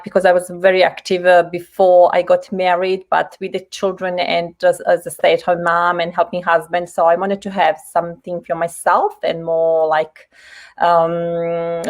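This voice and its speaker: Woman from Bosnia, lowish voice, steady with ums, video call. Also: normal speed. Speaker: panel guest.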